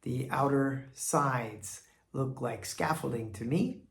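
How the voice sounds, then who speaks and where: Taking his time, a middle-aged host explains Chinese characters in a laid-back, chatty vlog that wanders off on tangents. His mid-range voice is gravelly and husky with a slightly bright quality.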